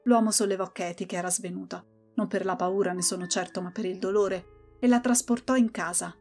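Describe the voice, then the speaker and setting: A woman reads an audiobook aloud, telling a first-person story with plenty of expression. Her voice sits at an ordinary middle pitch for a woman. Faint music plays softly behind her. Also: fairly even intonation, fairly quick. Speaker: audiobook narrator. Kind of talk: scripted audiobook narration.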